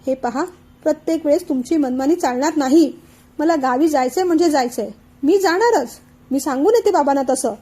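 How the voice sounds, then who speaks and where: A young wife, sulking and complaining through tears to her in-laws, as a woman narrator reads her. High and mellow, she pleads in a hurt, tearful voice. Audiobook family drama. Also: moderate pace, lightly acted. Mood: tearful complaint.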